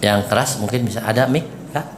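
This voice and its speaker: A man giving a religious lesson to a group of women, with lively jumps in pitch for emphasis and frequent questions to the audience. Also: a little fast. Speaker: preacher. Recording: echoey room, faint ambient noise.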